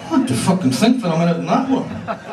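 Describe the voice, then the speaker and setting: A Hebridean Scottish man doing stand-up with a high voice and a profane, deadpan delivery. He is recorded from far off in a roomy live venue, so the sound is echoey and distant. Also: brisk, crowd noise. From Isle of Lewis, Scotland. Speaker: stand-up comedian. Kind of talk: stand-up comedy. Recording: echoey club room from far off.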